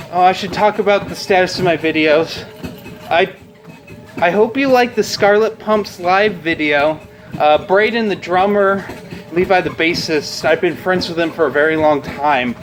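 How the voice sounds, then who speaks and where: A man's voice: on the high side, low-quality recording. A man talking in a casual rant vlog, venting with frustration and frequent swearing. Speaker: vlogger.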